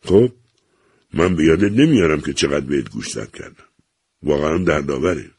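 A man with a deep, gravelly voice voicing a stern old doctor who coldly refuses to help his son. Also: expressive, a little mellow, dry recording, studio quality, full character voice. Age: older. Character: stern, cold elderly father, a doctor. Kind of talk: audiobook character reading.

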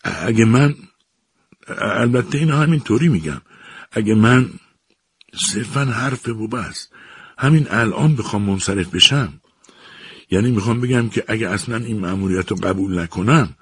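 A man's voice: low voice, lively intonation, pauses often, fairly bright tone, husky, dry recording, exaggerated voice. A man voicing a hesitant, uneasy professor in a storybook reading, stammering as he speaks.

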